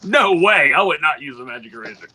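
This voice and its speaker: A man co-hosting a casual reselling live show, agreeable and quick to chime in. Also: fairly high pitch, very animated, pushed and bright. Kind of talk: casual group chat.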